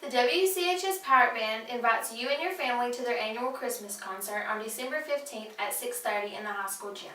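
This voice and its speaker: Young female, school intercom announcements, bright forceful voice, fairly high, echoey room. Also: a little fast, few pauses. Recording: echoey, distant mic, faint room noise.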